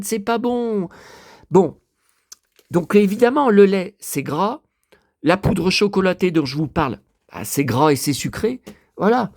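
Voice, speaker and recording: A man's voice: on the high side, a little mellow. A middle-aged man vlogging outdoors from his balcony in a rambling, chatty way, often asking his viewers if they see. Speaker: YouTuber. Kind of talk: casual vlog chat to viewers. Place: outdoors on a kitchen balcony facing a forest.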